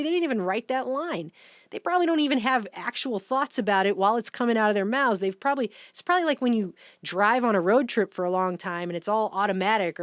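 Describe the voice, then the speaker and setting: A woman giving casual, sarcastic commentary in long, rapid run-on rants. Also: medium pitch, dry recording, studio quality. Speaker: vlogger, commentator.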